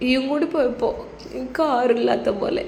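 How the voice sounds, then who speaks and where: A grieving old mother in a spoken story, tender and tearful, pitched a little higher as a woman acts her out. The tone is warm and mellow, and the recording sounds roomy with faint noise behind. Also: a little fast, vocal fry.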